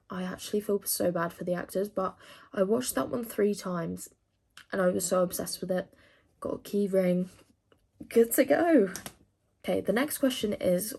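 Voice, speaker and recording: Her voice is medium-pitched, gravelly, husky and a little mellow. She's a teenager from England, a native English speaker, vlogging casually and meandering through questions with many filler words.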